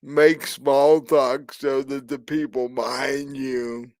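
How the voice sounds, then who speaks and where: A man narrating a tabletop role-playing game as game master, speaking slowly and hesitantly with many fillers. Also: medium pitch, flat delivery, no room sound.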